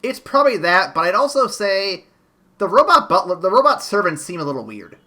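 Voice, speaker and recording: Bright-voiced man chatting casually. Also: high voice, very animated, fairly quick. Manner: rambling, many restarts and fillers. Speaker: podcast host. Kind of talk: casual movie review chat.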